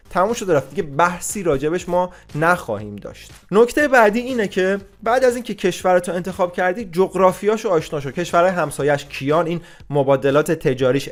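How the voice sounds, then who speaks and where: Blunt, scolding man giving advice. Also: a little high. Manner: blunt and forceful, scolds and swears at the listener. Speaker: vlogger giving immigration advice. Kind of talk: casual advice monologue.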